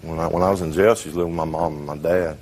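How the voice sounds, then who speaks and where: A middle-aged man with a very deep voice answers questions in court. His delivery is flat, terse and halting. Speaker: defendant in TV court.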